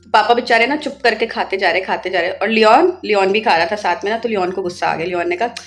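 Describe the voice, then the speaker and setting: A woman's voice: mid-range voice, quick pace. Chatty young woman vlogger. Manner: chatty, warm storytelling, soft and wistful when remembering. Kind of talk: casual vlog chat.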